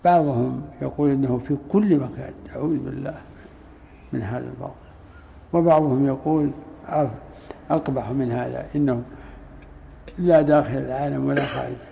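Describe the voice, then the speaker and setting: A man, a sheikh in a mosque, giving a creed lecture in a measured way, with pauses and restarts. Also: mid-range voice, fairly even intonation, vocal fry, warm tone, slight background noise, poor audio. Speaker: sheikh explaining a text.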